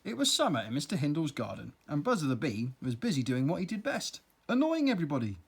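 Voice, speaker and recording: Expressive storyteller, lively slightly husky voice. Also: mid-range voice, quick pace. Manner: playful, expressive read-aloud. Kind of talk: children's story narration.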